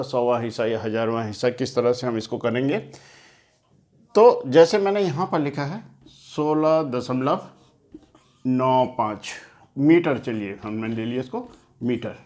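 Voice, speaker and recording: A man's voice: a little high, a little mellow. A man teaching children maths, explaining patiently step by step and often repeating himself while writing on a board. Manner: repeats and rephrases key points. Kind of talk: classroom lesson for children. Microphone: talking while writing on a board.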